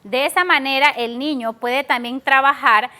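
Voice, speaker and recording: Female teacher, TV lesson for kids; patient, stretches words; high, bright tone. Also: steady tone, normal speed. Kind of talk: televised class for schoolchildren.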